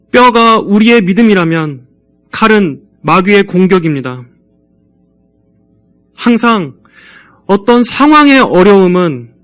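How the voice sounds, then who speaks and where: A male pastor delivering a church sermon, earnestly urging the congregation in a measured way. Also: high-pitched.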